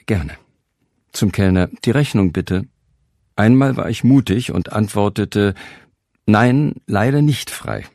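A man tells a humorous first-person tale in a dry, ironic way. His voice sits very low, with a gravelly, husky grain. The sound is close and dry, with no room around it. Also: mellow, dry recording. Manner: dry, ironic storytelling with wry asides. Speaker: narrator.

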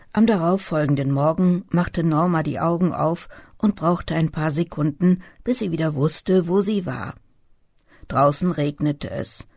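An audiobook narrator reading a literary novel in a calm, measured storytelling manner. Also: medium pitch, slightly rough, no room sound, clean studio sound.

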